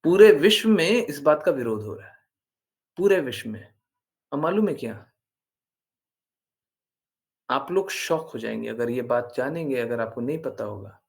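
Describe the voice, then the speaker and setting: A man's voice: mid-range voice, expressive, unhurried, long pauses. A man giving a devotional class talk, earnest and insistent, repeating phrases for emphasis and mixing English words into his speech. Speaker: spiritual teacher.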